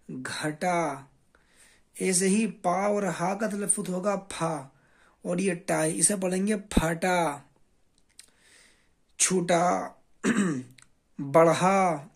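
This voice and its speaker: A man teaching a beginner reading lesson, sounding out words one by one. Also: sits high. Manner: slow, drawn-out word-by-word reading drills. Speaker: Urdu teacher.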